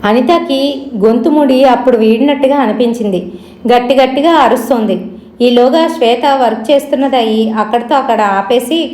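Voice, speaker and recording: A woman narrating a horror story in a steady, conversational way, with frequent fillers. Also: a little high, brisk. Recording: echoey room.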